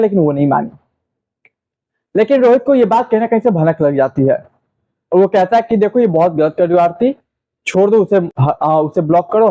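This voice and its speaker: A man's voice: high voice, warm tone, muffled recording. A man narrating a true crime story in a casual, conversational way, often talking straight to the listener and restarting his sentences. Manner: conversational, addresses listeners directly, frequent restarts.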